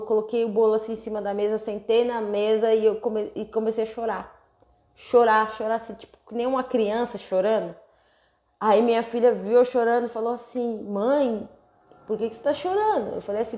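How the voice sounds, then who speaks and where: A woman's voice: medium pitch, mellow, roomy sound. A woman with a Brazilian Portuguese accent, a weight-loss coach talking casually on a live stream, earnest and checking in with listeners. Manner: earnest, keeps checking in with "entendeu?".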